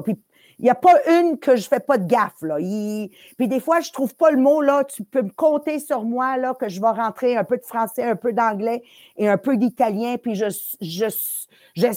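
A middle-aged woman telling animated anecdotes on a talk show, often dropping English words into her French. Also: fairly high pitch. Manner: lively storyteller, mixing English words into French.

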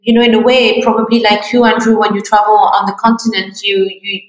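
A middle-aged woman answers interview questions, her speech halting and full of ums and restarts. She sounds set back from the mic in a room with plenty of echo. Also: medium pitch, flat delivery. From Morocco. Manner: hesitant, many fillers and restarts. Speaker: art fair founder. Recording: roomy distant mic.

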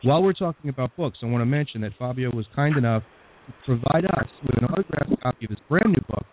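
A man's voice: mid-range voice, lively intonation, fast. A man with an American accent hosting a radio interview in a conversational style. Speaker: radio show host. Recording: phone-like band with clear background noise.

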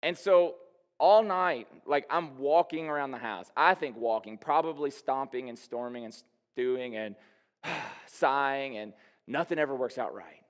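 A man's voice: medium pitch, measured pace. A male pastor giving a conversational sermon, candid and anecdotal, often saying "you know". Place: church sanctuary. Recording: long hall reverb.

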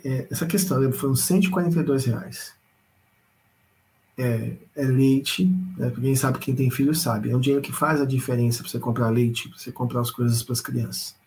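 In a rough recording, an animated man with a medium-pitched voice gives a casual spoken testimony about a personal spiritual experience. He repeats himself and speaks directly to his listeners.

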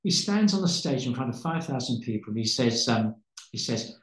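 In a roomy, echoing space, a male pastor speaks passionately, his storytelling carrying a sermon-like fervor and frequent repetition as it builds. His medium-pitched voice is animated and moderately paced.

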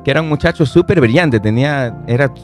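A man with an Ecuadorian Spanish accent co-hosting a morning radio show, telling a story in a relaxed, rambling way and stopping to search for words. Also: mid-range voice, fast talker, soft background music. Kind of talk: casual storytelling chat.

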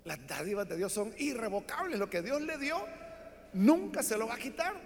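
High-voiced animated preacher in a reverberant hall. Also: male voice, normal speed, gravelly, slight background noise. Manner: animated storytelling, acting out voices in Bible stories. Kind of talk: sermon.

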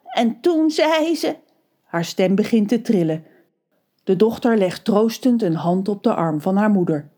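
A woman's voice: medium pitch, moderate pace, mellow. Woman narrating a story expressively.

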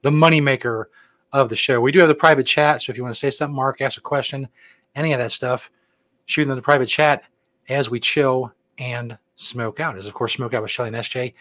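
A middle-aged man co-hosts a casual podcast chat, laid-back and joking as he rambles through announcements. His voice is mid-range and fairly bright, with no room sound in the recording.

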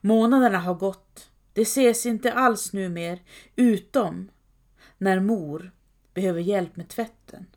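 A woman narrating a scripted historical story in a calm, measured way. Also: medium pitch.

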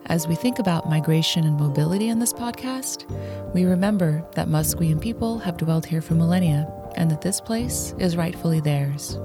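A woman hosting a podcast, reading a measured scripted introduction. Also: on the low side. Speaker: podcast host. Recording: music playing underneath.

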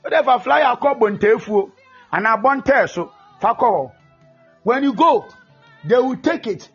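A man preaching a fervent sermon, often shouting and mixing English with Twi. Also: very high voice, expressive, a little slow, husky. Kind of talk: sermon with prayer. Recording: dull lo-fi recording with faint music.

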